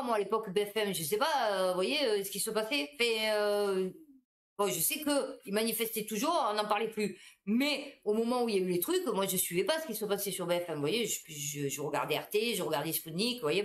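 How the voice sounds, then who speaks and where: A woman, a supermarket cashier, telling anecdotes in a casual, animated monologue. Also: mid-range voice, a little fast.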